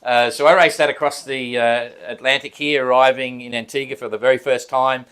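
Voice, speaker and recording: A man's voice: medium pitch, fairly quick, clean tone. Chatty man hosting a prize-giving. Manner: relaxed, chatty, laughs often. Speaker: event organizer and host. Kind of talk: casual prize-giving speech. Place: event venue at a sailing academy.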